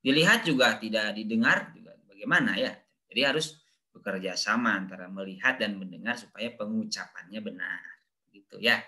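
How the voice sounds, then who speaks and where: A man teaching young pupils to recite a short Quran chapter, saying each word slowly, correcting wrong pronunciations and chanting the verses drawn out. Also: fairly low pitch, pushed and bright. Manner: slow, patient, models each word and corrects mispronunciations. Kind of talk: online lesson for primary school pupils.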